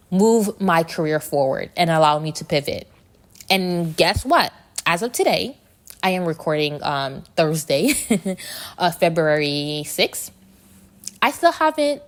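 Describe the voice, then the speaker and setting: A woman hosting a casual, reflective solo podcast, speaking candidly and conversationally, with slightly muffled articulation from braces. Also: on the low side. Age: adult. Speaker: podcast host.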